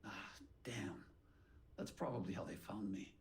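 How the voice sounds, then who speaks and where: An actor playing a rugged, weary space patrolman in a video game, with a wry, gravelly voice. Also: fairly low pitch, measured pace, a little mellow, close to an everyday voice. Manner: wry, plain-spoken.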